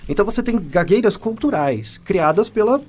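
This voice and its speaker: A man's voice: high voice, lively intonation, normal speed, darkish tone. A man, a scientist co-host, explaining things in casual podcast chat with lots of examples and repeated words.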